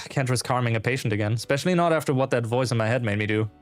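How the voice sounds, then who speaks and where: A man's voice: mid-range voice, quick pace, faint music behind, lightly acted. A man voicing a weary, self-doubting lizard doctor in a game, brooding and hesitant.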